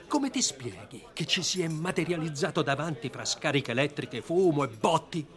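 A man's voice: fairly high pitch, big pitch swings, moderate pace, a bit bright. A man playing a blunt, sceptical, impatient companion in a radio drama, speaking colloquially and wryly. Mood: sceptical, puzzled. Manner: colloquial, questioning, wry. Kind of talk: scripted radio drama acting. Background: music.

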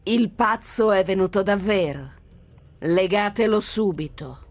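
A woman voicing a cruel, mocking witch queen in a dramatic audiobook reading, slow and menacing. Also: medium pitch, lively intonation.

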